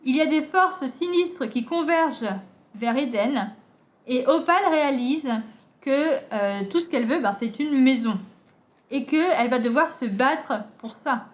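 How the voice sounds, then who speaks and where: Chatty high-voiced French woman. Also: unhurried. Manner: chatty, many fillers and restarts. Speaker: book vlogger. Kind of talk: casual unboxing chat.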